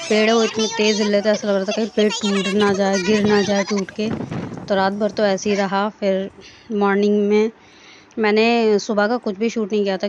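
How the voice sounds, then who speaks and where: A woman chats through her daily home vlog, homely and talkative, drifting from one thing to the next. Her pitch stays flat and level, and clear background noise from a family home runs under her voice. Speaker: daily vlogger. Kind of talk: casual chatty vlog narration.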